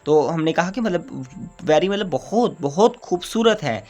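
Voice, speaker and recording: A man with an Urdu-influenced accent teaches grammar in a slightly raised voice. He explains slowly and repeats himself, asking questions and then answering them. Soft music plays faintly under the recording. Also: on the high side, lively intonation, muffled recording. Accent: Urdu-influenced Hindustani. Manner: repetitive, asks and answers his own questions. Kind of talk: explanatory lesson.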